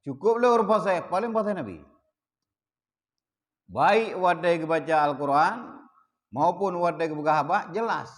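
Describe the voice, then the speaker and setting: Animated Acehnese male religious teacher. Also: high-pitched, moderate pace, long pauses. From Aceh. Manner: animated, emphatic, swings between loud stresses and quiet asides. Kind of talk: religious text study lecture.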